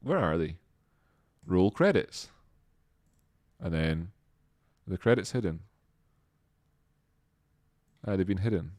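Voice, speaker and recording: A man's voice: deep voice, lively intonation, slow pace, long pauses, no echo, clean studio sound. Rambling man thanking stream viewers. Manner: rambling, self-deprecating, warm thanks with frequent restarts. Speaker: live stream host. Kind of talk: casual live stream chat reading viewer names.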